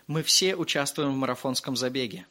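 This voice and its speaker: A man interpreting a sermon line by line, fluent and quick, with small restarts. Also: medium pitch, sharp tone.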